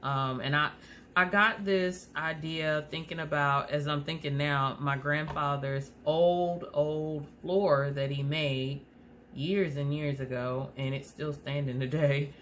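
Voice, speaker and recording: Low, slow-talking woman with a slight lisp. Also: steady tone, a bit bright, a little hiss or hum. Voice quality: slight lisp from aligner trays. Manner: rambling and chatty, many fillers and restarts. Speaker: craft tutorial host. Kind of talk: casual how-to talk.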